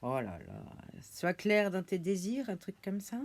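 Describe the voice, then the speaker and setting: Slow, chatty French woman unboxing at home. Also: lowish voice, huge pitch swings. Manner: chatty, hesitant, many fillers and restarts; laughs easily while showing items. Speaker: unboxing vlogger. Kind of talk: casual unboxing chat.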